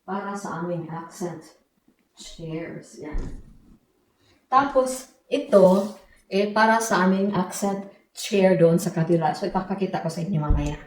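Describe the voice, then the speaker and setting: A woman's voice: on the low side, unhurried, long pauses, slight background noise. A middle-aged woman from the Philippines, chatting and joking in a casual home vlog as she shows her new house. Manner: chatty, joking, mixes Tagalog and English. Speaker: vlogger. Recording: echoey room.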